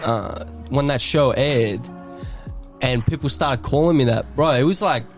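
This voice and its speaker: A young Australian man with an Australian accent, a comedian guest chatting casually in a loose, profane way and pausing often to hunt for words. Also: mid-range voice, soft background music. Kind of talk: casual chat.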